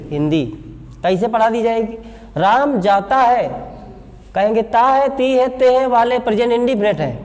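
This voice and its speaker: A man's voice: high-pitched, a little mellow. A male English teacher, lecturing a class and asking questions that he answers himself. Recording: echoey classroom with faint background noise.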